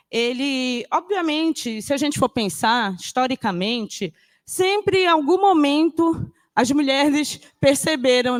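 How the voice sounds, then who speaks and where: A woman's voice: sits high, dry recording, clean studio sound. A woman from northern Brazil, giving an explanatory classroom lecture. She talks conversationally and keeps checking that her students follow. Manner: conversational, checks understanding with frequent tag questions.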